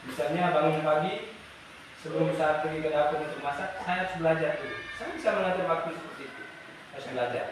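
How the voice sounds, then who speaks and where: A man's voice: fairly high pitch, steady tone, fast. A man teaching a class of pupils, asking questions and repeating himself with many restarts and "ya" tags. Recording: echoey, from far off, noisy.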